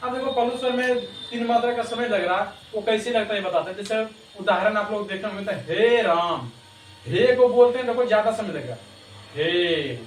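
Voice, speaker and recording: A high-sitting male voice delivers a grammar lesson to students, breaking it down step by step. He repeatedly asks "ठीक ना" to confirm understanding and chuckles at himself at times; the sound is echoey, faintly noisy, and picked up from a distant mic.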